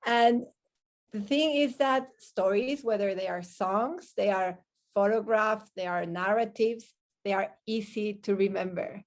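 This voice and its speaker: Speaking a little slowly at a medium pitch, a woman runs a live Q&A for an online panel and reads out some of the comments. It's recorded through a video call microphone during the call.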